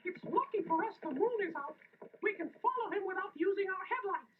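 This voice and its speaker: A man voicing a small, plucky male cartoon mouse in falsetto, earnestly telling a children's storybook tale. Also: lively intonation, brisk, a little hiss or hum. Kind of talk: children's storybook audio narration and dialogue. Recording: tinny band-limited toy tape.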